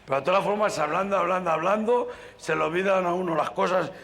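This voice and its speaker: A man's voice: high-pitched, quick pace, gravelly. A man telling jokes on stage as a stand-up comedian, acting out the characters in his stories. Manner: lively storytelling, acting out characters. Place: TV studio stage with audience. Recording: hall echo, audience laughter.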